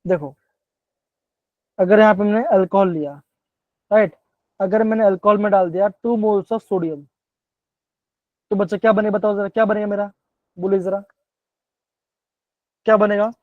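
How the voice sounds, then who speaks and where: A man's voice: sits high, steady tone, a little slow, pauses often, no echo. Male chem teacher on an online class, keeps asking kids to answer, words, muffled dull stream, dry sound. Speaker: chemistry teacher.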